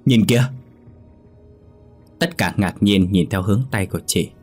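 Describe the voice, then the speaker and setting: A man narrating a scripted ghost story in a measured, dramatic way. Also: sits low, fairly even intonation, darkish tone, soft background music.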